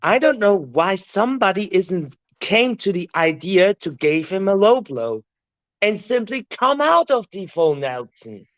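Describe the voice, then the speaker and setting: High-voiced man joking over a lo-fi mic. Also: sing-song, a little slow, fairly bright tone, no echo. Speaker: podcast co-host. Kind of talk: casual chat. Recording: dull, lo-fi mic.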